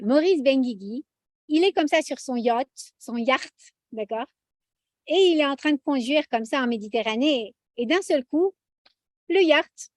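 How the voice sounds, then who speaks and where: A woman teaching a lively religious lesson to an audience, chatty and animated, often checking in with the audience. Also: high-pitched, no room sound, studio quality.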